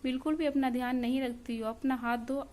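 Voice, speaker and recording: A woman's voice: sits high, fairly even intonation, brisk, a little mellow, slight background noise, close to an everyday voice. Caring patient husband, read by a woman narrator.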